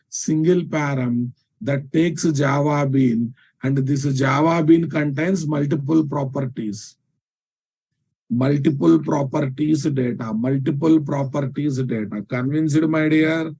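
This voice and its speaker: A man with a Telugu Indian accent lectures live on programming. His voice sits a little high for a man and has a very soft, mellow tone. He repeats key phrases for emphasis and often stops to ask whether learners follow. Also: slightly rough. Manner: repeats phrases for emphasis, checks understanding with questions. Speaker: programming teacher.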